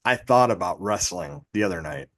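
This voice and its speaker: Casual-swearing man, low voice. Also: animated, normal speed, vocal fry, fairly bright tone, no echo, clean studio sound. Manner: rambling, swears casually, laughs at own jokes. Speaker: podcast co-host. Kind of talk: casual chat.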